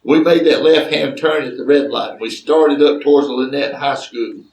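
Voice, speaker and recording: Gravelly Southern storyteller man. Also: mid-range voice, moderate pace. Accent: Southern US, Alabama. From Chambers County, Alabama, US. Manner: folksy, drawling, chuckling asides. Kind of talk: folksy storytelling. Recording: roomy, distant from mic.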